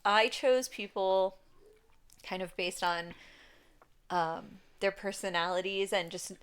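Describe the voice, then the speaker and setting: A woman's voice: medium pitch, fairly even intonation, slow, a bit bright, clear, resonant tone. A young adult woman co-hosting a podcast, chatting and telling a story in a rambling way, full of fillers and laughs. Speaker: podcast co-host. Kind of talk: casual chat, storytelling.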